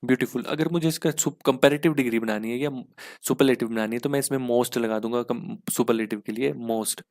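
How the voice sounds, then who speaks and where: A man's voice: mid-range voice, steady tone, a little fast, a little mellow, no room sound, studio quality. A man teaching an exam-prep English grammar lesson, explaining step by step and asking "ठीक है?" again and again.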